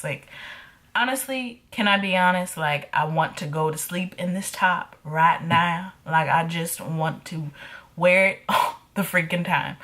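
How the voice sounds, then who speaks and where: A woman's voice: fairly low pitch, a bit bright. A young woman vlogger chatting to camera in a gushing, giggly way, then narrating a sewing tutorial. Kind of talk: casual chat to camera.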